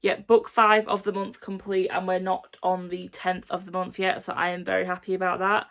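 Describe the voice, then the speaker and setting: A young woman with a croaky voice giving a rambling, self-correcting reading update to camera from home. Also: lowish voice, monotone, moderate pace, fairly bright tone. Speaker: reading vlogger.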